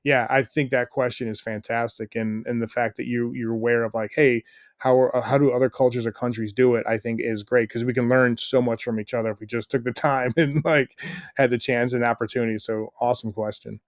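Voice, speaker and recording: A man's voice: mid-range voice, steady tone, brisk, no room sound, studio quality. A middle-aged man, a stay-at-home dad guesting on a podcast, talking in an earnest, rambling way with lots of fillers. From United States. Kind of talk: casual interview chat.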